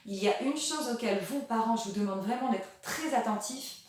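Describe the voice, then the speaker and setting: A woman teacher talking slowly and patiently to young children, switching between French and English and asking exaggerated questions. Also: on the high side, lively intonation, darkish tone. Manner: sings nursery songs. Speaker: kindergarten teacher. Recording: very echoey room, voice from a distance.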